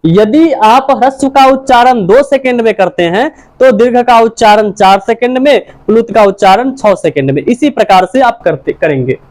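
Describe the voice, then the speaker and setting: A woman's voice: on the high side, moderate pace, few pauses, darkish tone. A woman teacher giving a lecture, asking her own questions and answering them, and repeating each key point. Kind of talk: classroom-style lecture.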